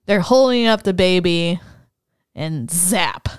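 Woman podcast co-host, casual and animated, slightly low and very clear, dry. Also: slow pace, dry recording. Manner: animated retelling, playful quoted voices, frequent laughs. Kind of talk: casual movie recap chat.

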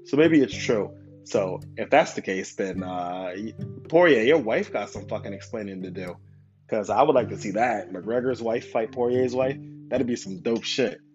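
A man's voice: fairly low pitch, moderate pace. A man giving a casual, profane rant about a fight, swearing constantly and firing questions at his viewers. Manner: swears constantly, animated, asks the audience questions. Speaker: commentator on fights. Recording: dull lo-fi sound with loud guitar music.

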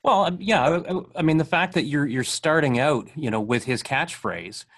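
A man's voice: on the high side, lively intonation, normal speed, fairly bright tone. Encouraging male podcast host. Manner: encouraging, stammering restarts. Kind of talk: casual interview chat.

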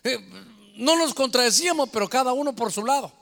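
A man, a pastor preaching a sermon, telling a story and acting out the voices and shouts of others. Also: extremely high pitch, brisk. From Guatemala. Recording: echoey hall reverb.

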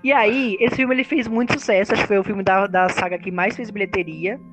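A woman host runs a film chat quickly and keenly, moving from point to point. Her pitch is mid-range for a woman. Soft music sits faintly underneath. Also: steady tone. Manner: quick, enthusiastic, leads the segments. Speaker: podcast host. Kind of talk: casual movie review chat.

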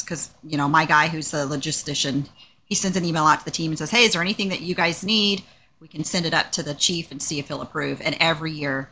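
A woman in her forties co-hosting a podcast, telling work stories in a casual, animated way. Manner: animated storyteller, jumps up in pitch for quoted voices. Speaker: podcast co-host. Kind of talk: casual chat.

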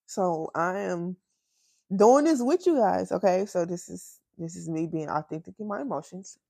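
Gravelly low-voiced young woman, emotional. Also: warm tone, dry recording, clean studio sound. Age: 20s. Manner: candid, emotional, slangy, halting. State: close to tears. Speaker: podcast host. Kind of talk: personal casual chat.

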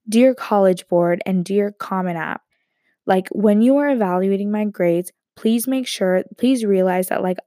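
This young woman has a medium-pitched voice made throaty by a cold, and she tells a personal story in a rambling, jokey way. Lively and prone to self-interruption, she peppers it with humorous asides, captured in clean studio sound without room echo.

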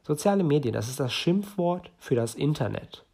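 A man's voice: fairly high pitch, lively intonation, moderate pace, vocal fry, dark tone. Man hosting a solo startup podcast. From northern Germany. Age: 20s. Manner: direct, advice-giving, addresses listeners. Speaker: podcast host.

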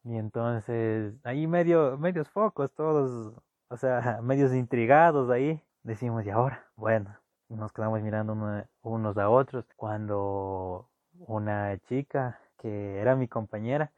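Young man, animated anecdote teller; dry, muffled lo-fi take. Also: mid-range voice, unhurried, no echo. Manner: animated, swings between loud bursts and hushed asides. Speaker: storyteller. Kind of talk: casual personal anecdote. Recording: dull lo-fi dry recording.

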